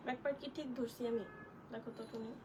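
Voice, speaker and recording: A high-voiced woman hosts a live online clothing sale. She chats with viewers, greets them by name and walks through each dress. A faint noise runs under the recording. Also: steady tone, quick pace. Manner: chatty, addresses viewers as sisters, greets commenters by name. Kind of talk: live-stream product showcase.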